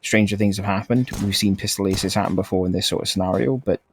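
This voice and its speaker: A man's voice: deep voice, fairly even intonation, fast talker, a little hiss or hum. Laid-back man casting a game. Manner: laid-back, rambling, laughs often. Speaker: esports caster. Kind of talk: live game commentary.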